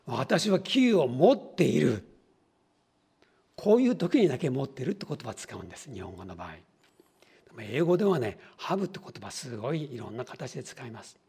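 A man's voice: medium pitch, sing-song, fast, dark tone, husky. A man preaching a sermon as pastor, teaching in a questioning way and acting out small everyday scenes. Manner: teacherly, poses questions to the congregation; acts out little everyday scenes in different voices.

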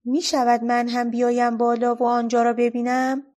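A woman's voice: a little high, little pitch movement, darkish tone, lightly acted. A woman voicing an eager, brave young boy in a storybook reading.

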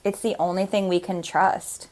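Female, lowish pitch, podcast guest, casual, thoughtful, halting phrasing. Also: little pitch movement, darkish tone. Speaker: podcast guest, astrologer and author. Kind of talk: casual, reflective conversation.

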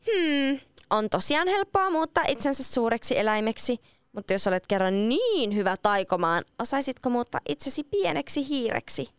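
A woman voicing a clever, bold male cat in boots in a storybook reading, eager and persuasive with a high, lifted voice. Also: sing-song, fairly bright tone, clean tone, no echo. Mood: nervous, sly.

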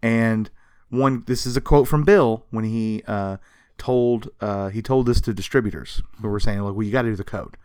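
His voice is lowish, darkish, clear and resonant, and he talks at a moderate pace. As a podcast co-host, he shares comics history in a casual, emphatic way, sarcastic at times and sometimes swearing, in a dry, clean studio recording.

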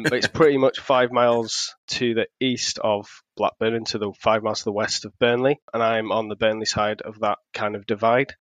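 A man from talks casually as a podcast guest, his pitch level and even. He is relaxed and chatty and drops in plenty of fillers. The audio is dry and a little dull, like a remote call. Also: dry recording. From Accrington, England. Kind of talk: casual interview chat.

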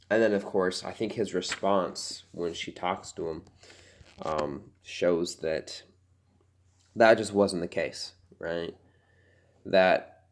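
A man hosting a scripture-study podcast, talking it through casually, halting and thinking aloud with many fillers in an earnest, reflective way. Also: deep voice, darkish tone. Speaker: podcast host teaching scripture.

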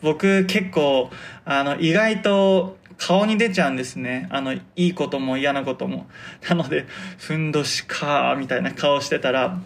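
A soft-spoken man hosting a casual solo podcast, consciously projecting his voice and articulating each word with care. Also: on the high side, moderate pace. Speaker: podcast host.

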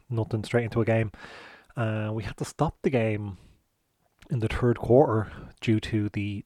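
A man in his thirties rambles through a cereal review, talking with food in his mouth and swearing freely. His voice sits in a middle pitch. The room sound is dry and close. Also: dark tone, dry recording. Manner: chatty, swears, talks while eating. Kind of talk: casual rambling chat.

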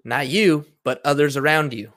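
A man's voice: on the high side, moderate pace, a bit bright. A man in a casual debate, talking earnestly and persuasively with many fillers. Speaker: conversation partner.

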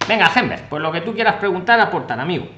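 A man with a Spain Spanish accent hosting a live Q&A on a video call, friendly and brisk, steering callers straight to the point. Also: high voice, big pitch swings, reverberant, background noise. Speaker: host of a live Q&A on immigration law.

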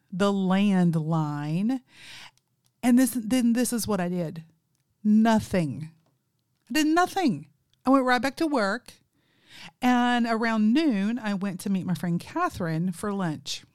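A woman's voice: medium pitch, expressive, unhurried, darkish tone, clear, resonant tone, no room sound, studio quality. A middle-aged woman hosting a podcast, telling a story in a casual, unscripted way. She laughs often and talks straight to her listeners. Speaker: podcast host.

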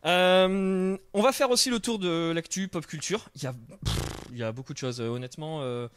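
A man's voice: fairly high pitch, normal speed, clean tone, dry recording. A young man hosting a live stream in casual chat, full of fillers and restarts. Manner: hesitant, many fillers and restarts. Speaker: stream host. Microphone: studio microphone.

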